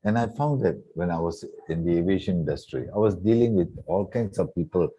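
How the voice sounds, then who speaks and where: A man in his sixties from Singapore, a retired coach reflecting in an interview with many soft fillers. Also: low voice, expressive, brisk, husky, dull audio. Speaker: guest coach. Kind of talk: relaxed interview conversation.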